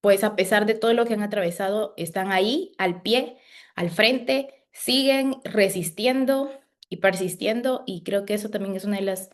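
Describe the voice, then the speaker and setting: A woman journalist, answering in a podcast interview, thoughtful and halting with many restarts. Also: medium pitch. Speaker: community journalist.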